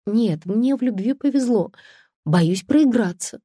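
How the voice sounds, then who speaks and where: A woman reading an audiobook, voicing a quiet, cultured young woman who turns blunt and cutting. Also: a little high, lively intonation, measured pace, slightly rough, no echo, clean studio sound, pitched above the performer's own voice. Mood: light. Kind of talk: audiobook character voice.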